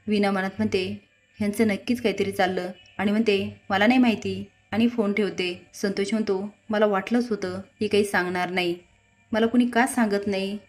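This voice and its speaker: A woman narrating a recap of a TV serial episode and quoting the characters' lines in her own plain voice. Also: mid-range voice. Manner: retells scenes quoting every character in the same plain voice.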